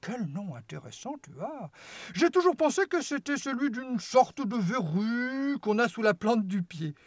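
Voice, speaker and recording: A sprightly little chocolate-maker, full of mischief and show, played by a woman. He gushes over every guest with wild swoops up and down, sitting a touch high in pitch. The storybook recording is close and dry. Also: very animated, measured pace, no room sound. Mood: gushing. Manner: gushing, theatrical welcomes with sudden swoops in pitch. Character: small, lively, mischievous male chocolate-maker. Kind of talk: audiobook character voice.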